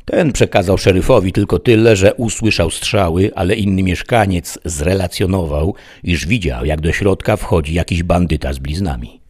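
A man narrating a dramatic audiobook story with an expressive, tense delivery. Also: low voice, normal speed, hardly any pauses, breathy edge.

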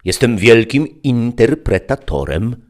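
A man voicing a sly, smooth-talking male stranger who tempts a child with coaxing words. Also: medium pitch, big pitch swings, slow pace, darkish tone, pitched above the performer's own voice.

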